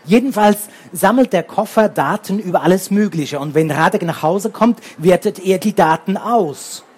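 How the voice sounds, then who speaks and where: A man's voice: high-pitched, normal speed, darkish tone, slightly rough. A man doing an eager know-it-all schoolboy. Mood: lecturing. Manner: eager, lecturing.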